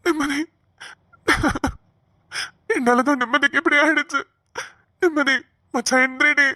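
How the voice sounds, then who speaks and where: A woman voicing a distraught young man who cries and begs his injured love to wake up in an animated cartoon. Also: high voice, a little slow, dry recording, clean studio sound. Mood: grieving. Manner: pleading, sobbing, repeating her name. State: crying.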